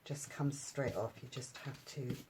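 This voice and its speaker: A woman demonstrating paper crafts at home, chatting in a relaxed way and thinking aloud with many ums. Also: very deep voice, unhurried, noisy background. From United Kingdom. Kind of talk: casual craft tutorial.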